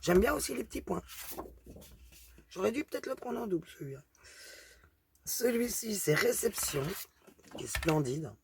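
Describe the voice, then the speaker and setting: A woman's voice: mid-range voice, sing-song, normal speed, creaky, pauses often, noisy background. A woman with a thick regional accent chatting hesitantly through a craft haul, with plenty of fillers. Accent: strong regional accent. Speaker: craft vlogger showing a haul. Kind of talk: casual product show-and-tell.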